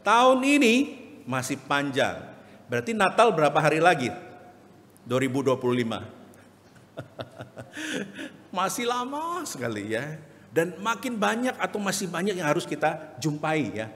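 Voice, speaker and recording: Male preacher, lively storytelling sermon, higher voice, long church reverb. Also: a little slow, pauses often. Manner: humorous storytelling, asks the congregation questions. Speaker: evangelist preacher. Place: church hall.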